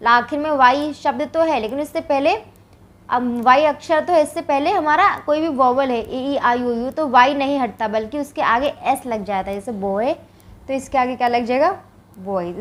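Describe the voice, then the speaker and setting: A woman from India teaching English grammar, explaining step by step and answering her own questions. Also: sits high. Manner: says "ठीक है" often as a check-in. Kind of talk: classroom grammar lesson.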